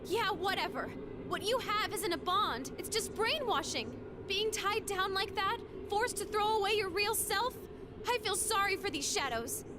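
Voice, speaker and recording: A perky, bossy teenage girl from a game. Her voice is extremely high, with clear noise behind it. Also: lively intonation, a little slow. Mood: firm. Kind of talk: video game voice acting. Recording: noisy background.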